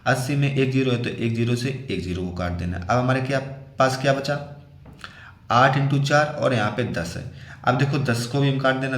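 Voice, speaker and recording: A man's voice: medium pitch, echoey room. A man patiently explaining a maths problem step by step, asking and answering his own questions as he goes. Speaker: maths teacher.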